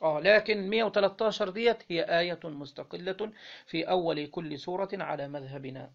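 An Egyptian-accented man with a high, gravelly voice teaches Islamic law. He reads each line of the legal text, then unpacks it, stopping to prompt his listeners for the missing word. The recording sounds dull and lo-fi. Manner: reads the text then explains, quizzing listeners with "what?" pauses.

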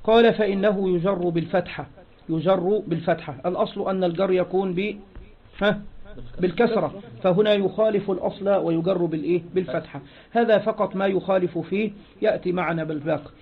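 A man teaching grammar in a lecture, asking questions and answering them himself, repeating key phrases and reading quoted text slowly. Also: high-pitched, steady tone. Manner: reads quoted text louder and slower. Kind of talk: classroom lecture explaining a text. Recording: dull lo-fi recording.

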